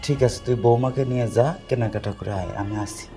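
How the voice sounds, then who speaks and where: A man voicing a gentle elderly father who speaks softly and slowly with tenderness. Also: medium pitch, steady tone, soft background music, voice pushed down, lightly acted. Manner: soft, slow, tender.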